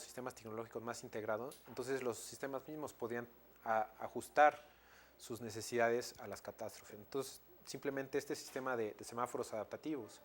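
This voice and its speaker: A man in his thirties with a Mexican Spanish accent delivers an academic lecture at a middling pitch. He talks in a hesitant, conversational way, full of fillers and self-corrections, and often checks in with his listeners through tag questions. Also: slight background noise.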